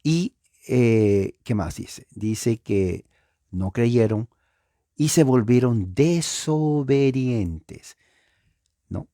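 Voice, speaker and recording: A man's voice: on the low side, warm tone, no room sound, studio quality. A man teaching a Bible study, explaining word meanings and often checking that listeners understand.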